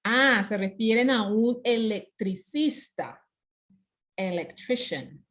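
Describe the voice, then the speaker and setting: A woman's voice: mid-range voice, normal speed, darkish tone. Woman teacher, online class, patient, repeats and restarts phrases. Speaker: English instructor. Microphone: video call.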